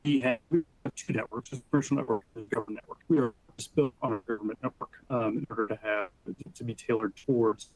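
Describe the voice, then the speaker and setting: A man speaking as a panel guest over a video call, his audio corrupted and cutting out, talking haltingly with many fillers and restarts. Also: mid-range voice, fairly even intonation, slightly rough, dry recording, low-quality recording. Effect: corrupted audio that keeps cutting out.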